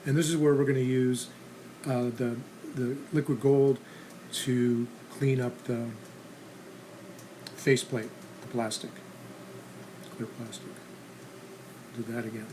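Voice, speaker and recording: Narrating a restoration how-to as a channel host, this man keeps things casual, plain, practical and instructional. His voice is medium in pitch, with clear background noise and ambience behind it.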